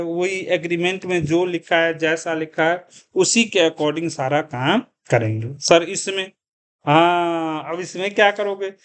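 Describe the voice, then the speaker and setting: A man's voice: on the high side, clear, resonant tone. A male commerce teacher lecturing a class, asking questions and answering them himself, repeating key terms and mixing English words into his speech.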